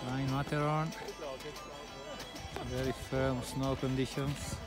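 A man skiing outdoors on a high glacier, giving a quick upbeat snow report in short, clipped phrases while filming on an action camera, a little out of breath. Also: level tone. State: slightly out of breath from effort. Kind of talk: casual on-the-go commentary. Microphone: handheld or helmet action camera. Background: loud guitar music.

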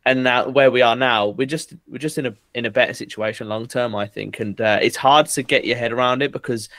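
A man's voice: mid-range voice, steady tone, brisk, a bit bright, no room sound. Hesitant man, dry sound. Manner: rambling, hesitant, many fillers and restarts. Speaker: podcast guest. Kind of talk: casual chat.

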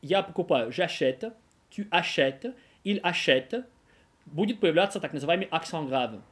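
A man teaching a French grammar lesson on video, talking in an animated, digressive way with many filler sounds and restarts. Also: on the high side, moderate pace.

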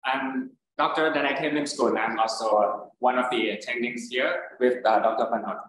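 A man's voice: medium pitch, steady tone, moderate pace, heavy reverb, background noise. A man, an attending doctor, co-presenting an online information session with many hesitant fillers.

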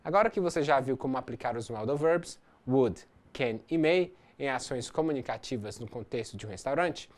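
Teacher with a lively, rising-falling delivery. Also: mid-range voice. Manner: explains step by step, reads English examples slowly. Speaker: English teacher. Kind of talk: recorded distance-learning lesson.

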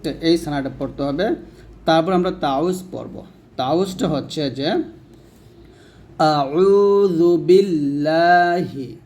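A man teaching prayer recitation, chanting each phrase slowly and drawn out, then explaining pronunciation quickly in between. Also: a little high, a little mellow, slight background noise. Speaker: religious teacher.

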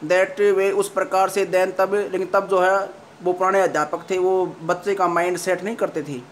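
A man, teaching a class about a story. He reads English lines slowly, then explains them in Hindi, often restarting his sentences. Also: sits high, level tone, slight background noise.

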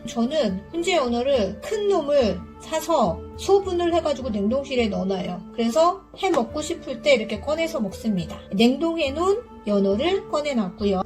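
A woman with a fairly high voice casually walks viewers through her cooking step by step. She is polite and chatty, speaking to them directly, with music clearly playing behind her. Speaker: cooking vlogger.

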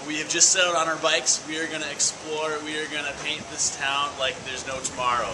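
A young man in his twenties fronts a road-trip video like a parody newscaster, signing off with mock formality. His voice sits slightly high. He's caught on a handheld camera outside, with wind and traffic noise around him. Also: little pitch movement, a little fast. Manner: jokey, mock-formal sign-offs. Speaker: vlog host. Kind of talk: mock news-anchor travel vlog. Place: outdoors and in restaurants on a road trip. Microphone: handheld camera mic.

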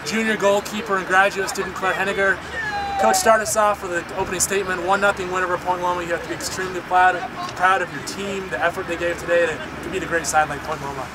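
A man hosts a postgame interview, asking conversational questions. His voice sits a little high. Loud outdoor background noise runs under him. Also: steady tone, fast talker. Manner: conversational, chatty. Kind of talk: postgame press conference hosting. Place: outdoors at a soccer field.

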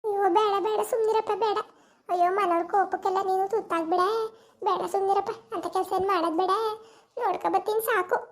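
A woman's voice: extremely high pitch, fairly even intonation, fast. A woman voicing a humble, tearful old village aunt in a cartoon, with a pleading, self-reproaching manner. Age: older. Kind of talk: cartoon voice acting.

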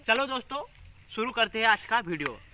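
A young man hosting a casual village vlog, talking in a bright, lively voice. He chats, teases and reels off tongue twisters outdoors, recorded on a camera mic with a little faint noise behind him. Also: high voice, fairly quick. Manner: chatty, teasing, repeats tongue twisters. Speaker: vlogger.

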